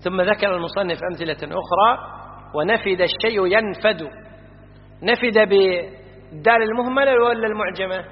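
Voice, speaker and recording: A man's voice: high voice, normal speed, long pauses. A man teaches classical grammar, stopping often to quiz his listeners and stress each vowel. The recording is dull and lo-fi, with long reverb from a lecture hall. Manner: explanatory, quizzing students, stresses vowel patterns.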